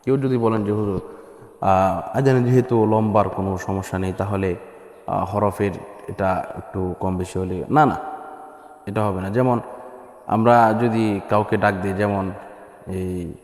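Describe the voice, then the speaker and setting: A man from Bangladesh teaching the azan, who explains plainly and then sings long drawn-out chanted phrases as examples. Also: fairly low pitch, fairly even intonation, darkish tone. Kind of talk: spoken lesson with chanted examples. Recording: echoey room with long reverb.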